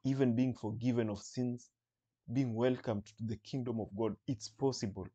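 A male preacher teaching from the Bible, reading verses aloud and slowly repeating phrases to explain them. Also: mid-range voice, fairly even intonation, dark tone, dull audio. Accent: Kenyan.

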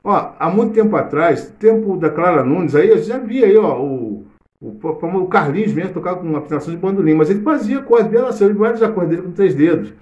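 A middle-aged man with a Brazilian Portuguese accent gives a casual live cavaquinho lesson, chatting through the theory as he plays and humming or singing bits. His voice is high-pitched and animated, he talks fast, and the highs are cut off. The room is echoey, with the cavaquinho playing loudly.

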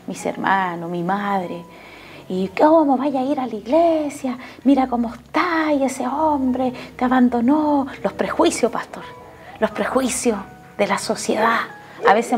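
A woman's voice: mid-range voice, darkish tone. A woman with a Chilean accent giving an emotional faith testimony in a TV interview, earnestly turning to speak to the pastor again and again. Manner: earnest, keeps addressing the pastor directly.

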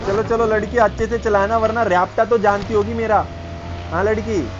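A man gaming online, boasting, teasing teammates and shouting orders in casual banter. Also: high voice, fairly even intonation, moderate pace, very noisy. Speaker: gamer streamer. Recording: lo-fi game capture with music. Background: game music and gunfire.

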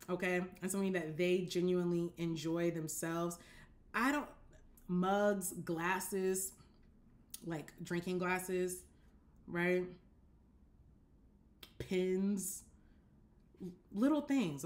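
Direct, animated young woman giving dating advice. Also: fairly low pitch. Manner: animated, direct, checks in with listeners often. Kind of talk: casual advice talk to camera. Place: apartment living room, indoors.

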